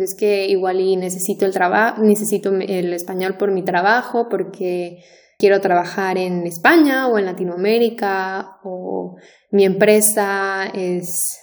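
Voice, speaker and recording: A woman co-hosting a Spanish-learning podcast, chatty and thinking aloud with many fillers and restarts. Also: medium pitch. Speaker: Spanish teacher and podcast co-host. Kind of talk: casual podcast conversation.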